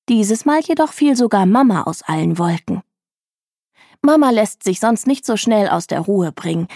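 A woman narrating a children's book in the first person with expressive storytelling and lively rises. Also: mid-range voice, no room sound, clean studio sound. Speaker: audiobook reader.

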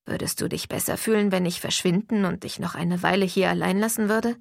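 A woman reading an audiobook voices a caring teenage vampire boy, speaking softly and low in a reassuring way. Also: fairly even intonation, brisk, gravelly, dry recording, clean studio sound. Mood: tender.

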